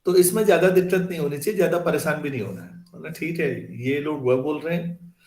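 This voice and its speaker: A man's voice: a little high, fast, darkish tone, reverberant. A man teaching a class in a conversational way, often asking his students questions. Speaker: math teacher. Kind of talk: classroom lecture.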